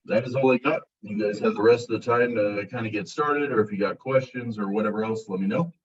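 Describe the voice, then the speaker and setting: A male college instructor giving a casual classroom lecture, relaxed and self-described as monotone. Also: on the low side, brisk, husky. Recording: muffled, distant classroom recording.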